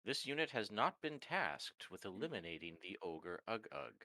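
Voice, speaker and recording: A man at a gaming table voices a terse warforged construct that speaks in clipped, robotic reports and announces every statement with a label. The voice sits very low yet rings bright and forceful, with a lively rise and fall. The sound is dry and close. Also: normal speed, no room sound, full character voice, low-quality recording. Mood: flat. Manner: clipped robotic speech, announces "Query" and "Analysis". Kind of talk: tabletop role-play.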